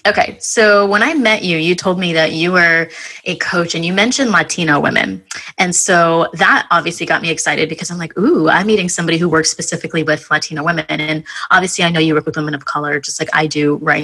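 A woman's voice: lowish voice, sharp tone, rough recording. A woman hosting a podcast, chatting in an upbeat, casual way. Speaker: podcast host. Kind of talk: casual interview chat.

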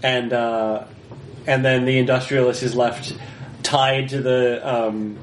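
A man narrating a tabletop game as game master, halting with fillers and laughs. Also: mid-range voice, little pitch movement, a little hiss or hum. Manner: halting, full of ums and laughs. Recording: echoey room.

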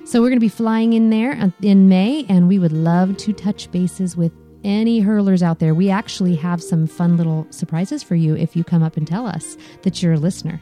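A woman's voice: lowish voice, moderate pace, hardly any pauses, mellow, soft background music. A middle-aged woman co-hosting a podcast in casual, conversational chat. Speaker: podcast co-host.

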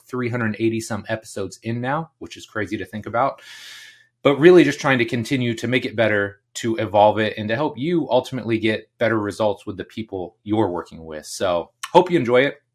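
Man, middle-aged, podcast host, low-ish voice, casual solo monologue, upbeat, chatty. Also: a little fast. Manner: chatty, upbeat, laughs often. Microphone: podcast microphone on video recording.

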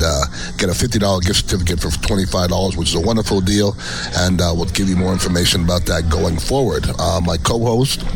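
A man hosting a casual food talk show, rambling and often repeating his words as he goes. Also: low voice. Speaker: radio show host and co-host partner. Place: restaurant, recorded on location.

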